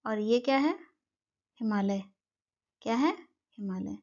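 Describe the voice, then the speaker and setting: A woman's voice: a little high, slow pace, a little mellow, muffled recording. A woman teaching an exam-prep lesson, who keeps asking questions and answering them herself.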